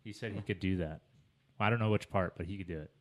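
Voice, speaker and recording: A man's voice: sits low, quick pace. A young man co-hosting a casual chat, blunt and joking, swearing freely. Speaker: co-host of a car-shop livestream.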